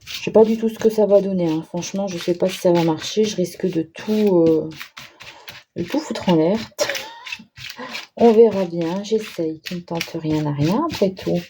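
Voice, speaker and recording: A woman's voice: on the low side, very animated, unhurried, noisy background. A woman chatting casually as she works on an art journal page, thinking aloud with hesitations and small self-mocking remarks. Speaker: craft vlogger. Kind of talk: casual crafting commentary.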